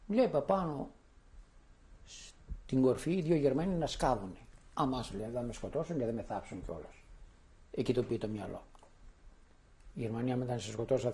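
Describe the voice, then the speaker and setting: Older man with a gravelly voice. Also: medium pitch, mellow. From Thessaloniki, Greece. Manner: vivid storyteller acting out quoted voices. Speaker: interviewee giving testimony. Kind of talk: spoken memoir testimony.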